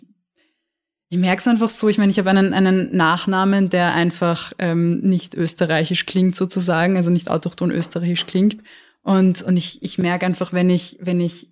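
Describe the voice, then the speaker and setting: Speaking frankly in a casual interview, a young Austrian lawyer keeps restarting sentences and repeating words. Her voice is fairly low, with a darkish tone.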